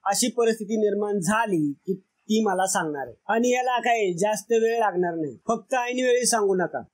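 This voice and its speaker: A man's voice: high-pitched, normal speed. A man voicing a sly, threatening accomplice in a scheme. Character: scheming man, a crime partner.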